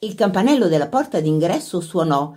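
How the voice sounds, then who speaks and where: A woman reading a literary short story aloud as narrator, in an expressive storytelling manner. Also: lowish voice, brisk. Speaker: audiobook narrator.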